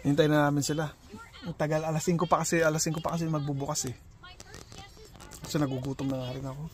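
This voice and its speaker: A woman's voice: low voice, level tone, fast talker, darkish tone. A Filipino woman chatting casually in a family vlog while waiting to eat, stopping now and then to soothe a fussy toddler, recorded on a handheld phone. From Philippines. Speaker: vlogger. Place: public place, waiting to eat.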